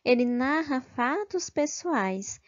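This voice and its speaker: A woman teacher giving a slow, careful grammar review lesson, stressing syllables and checking in with "ok?". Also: high-pitched, expressive. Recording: dull lo-fi recording.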